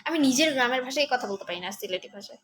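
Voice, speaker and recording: A woman's voice: high-pitched, lively intonation, racing. A woman chatting casually on a live stream, answering viewers' comments one by one.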